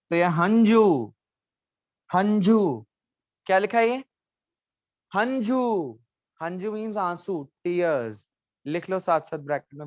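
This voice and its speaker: Man teaching a lively online class. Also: a little high, dry recording. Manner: repeats words slowly, quizzes students. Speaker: language teacher. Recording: dull lo-fi sound.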